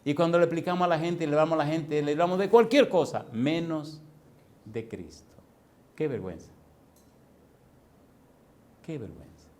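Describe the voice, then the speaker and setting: A male pastor preaching a sermon, firing rapid questions at his congregation and slowing down to stretch key words for emphasis. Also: on the high side, expressive, a little mellow. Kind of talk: preaching sermon with call-and-response. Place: church congregation.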